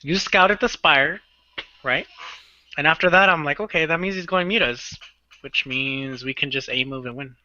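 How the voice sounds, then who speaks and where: A man's voice: on the high side, normal speed, bright, forceful tone, no room sound, highs cut off. A man giving casual gaming commentary, joking and explaining strategy and swearing freely. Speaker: co-player and commentator.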